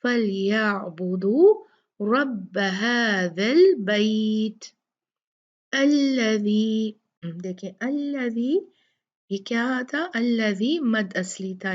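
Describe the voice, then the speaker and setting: A woman teaching Quran recitation rules, drawing out each word slowly, then explaining it and answering her own questions. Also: a little high, lo-fi sound. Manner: drawn-out recitation of words between quick explanations; corrects common student mistakes, asks and answers own questions. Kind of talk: step-by-step recitation lesson.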